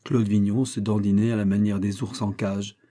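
Low, dark-voiced male audiobook reader. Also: flat delivery, moderate pace. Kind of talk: literary audiobook narration.

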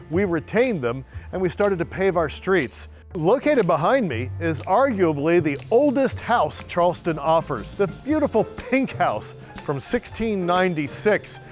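Man, middle-aged, animated tour guide, slightly high voice, faint music underneath, outdoor lapel mic. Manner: storytelling, lively, playful asides. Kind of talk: on-camera walking tour presentation. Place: outdoors on historic city streets and alleys.

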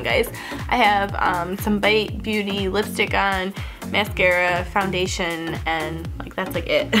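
This twenty-something beauty vlogger talks at a medium pitch, her voice scratchy and congested from a cold, laughing often as she chats to camera. It's a casual haul vlog filmed in a house's upstairs hallway, with her seated close to a camera-mounted mic.

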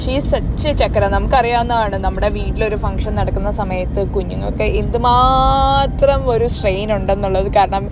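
A woman's voice: medium pitch, normal speed, hardly any pauses. A young woman narrating a home tour in a voice-over, admiring each room and mixing English words into her speech. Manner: admiring, mixes English into Malayalam. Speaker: vlogger giving a home tour. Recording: background music under the voice.

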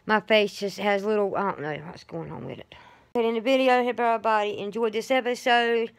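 A woman's voice: medium pitch, brisk, clear, resonant tone. A woman hosting her own vlog, chatting casually at home into a handheld camera, rambling with lots of fillers. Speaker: vlogger host.

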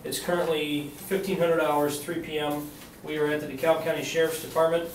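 A man on an old interrogation tape, a police detective working through formal procedure with halting fillers. He sounds set back from the mic in a bare, echoing room. A thin hiss runs under everything. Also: a little high, little pitch movement. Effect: interrogation-room tape recording. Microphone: fixed room camera mic. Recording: roomy, distant, faint hiss.

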